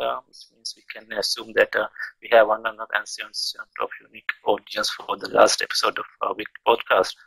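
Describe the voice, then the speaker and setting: Gravelly, bright-voiced man chairing a debate. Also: medium pitch, no room sound, poor audio. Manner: hesitant, many fillers and restarts. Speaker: debate chairperson and podcast host. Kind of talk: casual podcast talk, chairing a debate.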